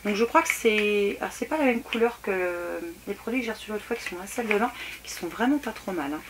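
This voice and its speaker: A woman reviews beauty samples in a casual, chatty vlog. She talks haltingly, with many restarts and fillers, at an ordinary middle pitch. A faint hiss and small clicks sit behind her voice. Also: expressive. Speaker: beauty vlogger. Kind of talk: casual product unboxing review. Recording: faint background noise and clicks.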